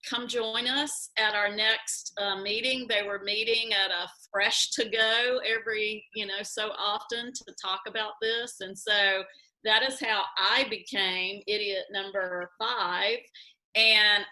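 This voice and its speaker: A middle-aged woman speaking at a conference, telling a personal story in an animated, self-mocking way and acting out old conversations. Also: mid-range voice, slow pace, poor audio. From Georgia, US.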